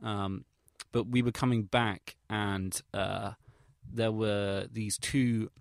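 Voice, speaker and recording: Speaking slowly with a creaky, fairly low voice and fairly even intonation, a young man from England records a casual vlog-style audio log. It's close-miked and dry, and he meanders hesitantly through his memories using slang, swearing and self-deprecating remarks.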